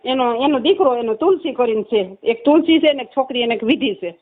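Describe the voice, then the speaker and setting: A woman's voice: fairly high pitch, animated, brisk. Hesitant middle-aged woman caller on phone. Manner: hesitant, rambling, restarts often. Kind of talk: phone call complaint. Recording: tinny phone line.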